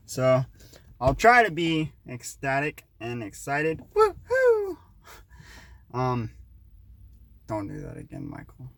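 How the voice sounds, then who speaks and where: A man in his twenties with a slight lisp, chatting casually to his vlog audience, talking fast and rambling with restarts and fillers. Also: medium pitch, no room sound. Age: 20s. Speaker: vlogger.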